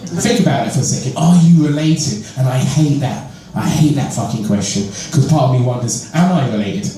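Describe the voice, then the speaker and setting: Male London comic, mellow tone, distant mic, roomy live-club sound with faint crowd ambience. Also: mid-range voice, a little fast, slight background noise. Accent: London English. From London, England. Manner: conversational, laughs at own jokes. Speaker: stand-up comedian. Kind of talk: stand-up set. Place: comedy club stage.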